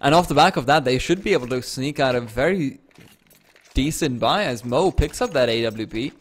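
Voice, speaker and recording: A man doing fast play-by-play commentary on an esports match, getting excited on big plays and throwing in self-deprecating asides. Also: medium pitch.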